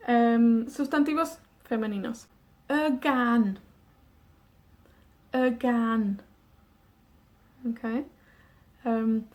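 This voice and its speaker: A woman from Wales teaching a beginner language lesson, slow and patient, repeating each word twice. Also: high-pitched. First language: Welsh. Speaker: Welsh teacher.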